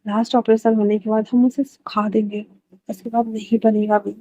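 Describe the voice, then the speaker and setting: A woman voicing a cold, possessive male doctor who speaks quietly, curtly and rudely. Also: fairly high pitch, little pitch movement, moderate pace, muffled recording. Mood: stern, soothing. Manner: quiet, curt and rude.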